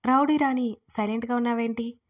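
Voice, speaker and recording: A woman voicing a teasing, possessive young man in a storybook reading, firm and calm. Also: on the high side, fairly quick, lightly acted.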